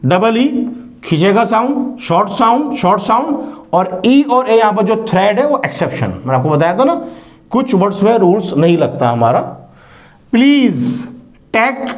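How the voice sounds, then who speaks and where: A man teaching English phonics, reading example sentences slowly word by word and repeating each vowel sound. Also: high voice. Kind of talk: phonics lesson.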